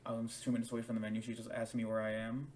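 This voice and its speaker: A man's voice: medium pitch, monotone, rapid-fire, a little mellow, recorded from a distance, a little hiss or hum. A young man telling a personal story to the camera, hesitant, with frequent restarts and repeated words. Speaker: DJ and stage performer. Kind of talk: personal account told to camera.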